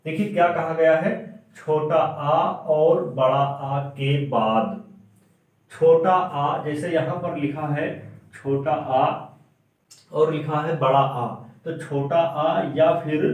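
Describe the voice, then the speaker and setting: Slow, echoey Hindi grammar teacher, a man. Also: a little mellow. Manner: slow, repeats each point as a question then answers it; drags out and drops pitch on key sounds. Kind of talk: grammar lesson at a board. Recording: echoey room, far from the mic.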